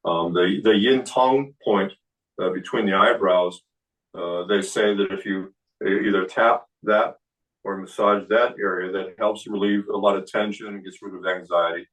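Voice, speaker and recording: A kung fu teacher in his late sixties gives a seminar talk in a low, unhurried voice, explaining at ease and filling pauses with lots of "uh" and "you know." The sound is slightly distant, like a camera recording him from across an indoor room.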